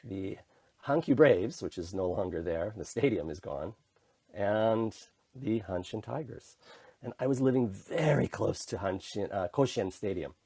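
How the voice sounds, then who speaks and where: A man's voice: on the low side, animated, unhurried, warm tone, breathy edge, no room sound. A middle-aged man with a Canadian accent, a podcast guest casually telling his own story with frequent restarts. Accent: Canadian English. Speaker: podcast guest, intercultural communication consultant. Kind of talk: casual conversational interview.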